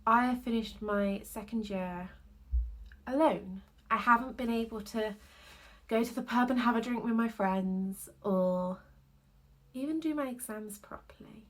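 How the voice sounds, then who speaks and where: A woman's voice: fairly high pitch, fairly even intonation, a little slow. Chatty young woman vlogging. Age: 20s. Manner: chatty and candid, laughing between thoughts. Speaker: university student vlogger. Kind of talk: casual talking-to-camera vlog. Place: home basement.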